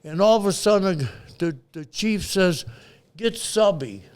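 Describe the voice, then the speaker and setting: A man's voice: sits high, moderate pace, darkish tone, smooth. An older man telling a blunt, profane story from his past in a casual chat. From Chicago. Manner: blunt, profane, acts out quoted voices. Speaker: storyteller guest.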